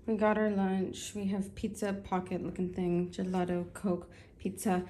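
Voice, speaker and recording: A young woman chatting casually in a travel vlog, quick and a bit complaining. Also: mid-range voice, level tone, warm tone, a little hiss or hum. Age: young adult. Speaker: vlogger.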